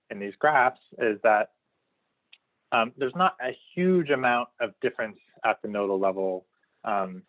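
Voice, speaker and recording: Lower-pitched male researcher, slightly worn voice, explains data in a webinar; tinny phone-like line. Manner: explanatory, frequent fillers and restarts. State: losing his voice a little. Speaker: researcher presenting a study. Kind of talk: webinar presentation.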